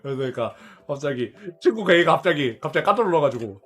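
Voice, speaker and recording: A man's voice: fairly high pitch, expressive, quick pace, faint music behind. A young man streamer casually telling a story to his viewers, laughing often, repeating himself and swearing along the way.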